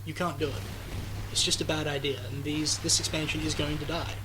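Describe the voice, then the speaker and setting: A man doing live esports commentary, chatty and sarcastic, who gets loud and excited during fights. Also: on the high side, fairly quick, slight background noise, poor audio. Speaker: game commentator.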